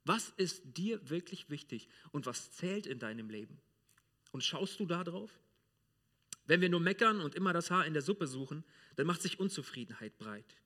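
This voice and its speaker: High, bright-voiced German pastor preaching. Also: male voice, normal speed. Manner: lively, direct, addresses the congregation informally. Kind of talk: sermon. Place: church.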